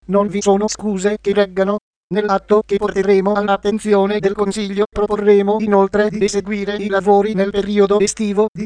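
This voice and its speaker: A man's voice: high voice, darkish tone, clear, resonant tone, no echo. A synthetic male text-to-speech voice reading a scripted news article in a formal, impersonal manner. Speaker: news reader.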